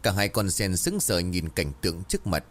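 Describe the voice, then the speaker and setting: A man's voice: low-pitched, big pitch swings, moderate pace, fairly bright tone. A man narrating a folk horror story in a dramatic, brooding read.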